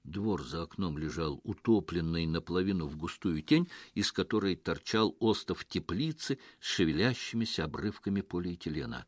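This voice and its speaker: A man narrating an audiobook story in a measured, even reading. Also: low-pitched, breathy edge, dry recording, clean studio sound.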